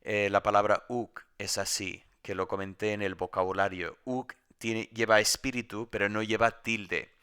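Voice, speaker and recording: Male teacher giving a recorded lesson at home; bright, resonant voice, patient explanation. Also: on the low side, fairly even intonation, normal speed, few pauses, smooth. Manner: explanatory, with many restarts. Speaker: Greek teacher.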